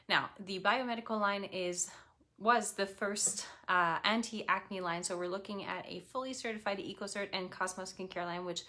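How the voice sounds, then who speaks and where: A woman's voice: lowish voice, fairly bright tone. A woman gives a product tutorial on skincare. She explains each step plainly and speaks directly to the viewer. Her tone stays friendly and instructive.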